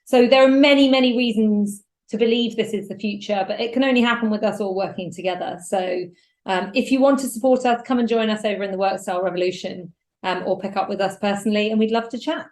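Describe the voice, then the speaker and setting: A woman's voice: mid-range voice, fairly even intonation, fast, a little mellow. Earnest woman speaking in an echoey room. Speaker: event co-presenter. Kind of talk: talk to an online audience.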